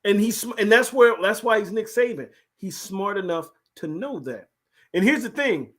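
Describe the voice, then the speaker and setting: Brief: male sports-talk co-host, fairly high voice, animated and emphatic. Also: normal speed. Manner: animated, emphatic, repeats "here's the thing". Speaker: podcast co-host. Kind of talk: casual sports chat.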